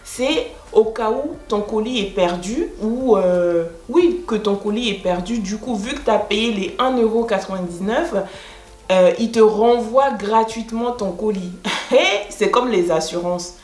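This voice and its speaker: A woman's voice: medium pitch, measured pace. Chatty woman vlogger in an echoey room. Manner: animated, indignant storytelling with many fillers. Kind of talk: storytime vlog, casual chat.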